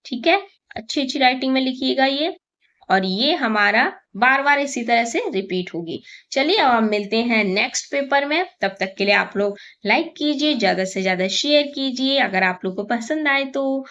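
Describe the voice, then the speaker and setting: A woman teacher slowly walks through a first-grade exam paper, counting aloud and answering her own questions. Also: high voice, animated, a bit bright, lo-fi sound. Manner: slow, patient, counts aloud and asks questions then answers them.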